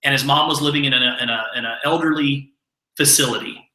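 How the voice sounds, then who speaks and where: Forceful, roomy-sounding male mentor. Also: mid-range voice, fairly quick. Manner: earnest, repeats words when stressing a point. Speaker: mentor giving a training. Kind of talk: motivational storytelling talk. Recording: echoey room.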